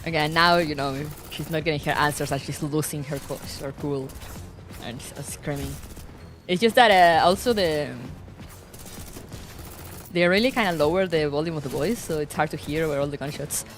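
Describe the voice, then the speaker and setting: A woman's voice: low voice, moderate pace, soft background music. A woman giving casual, rambling commentary as she plays through a video game. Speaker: game streamer. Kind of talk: casual playthrough commentary, reading dialogue aloud.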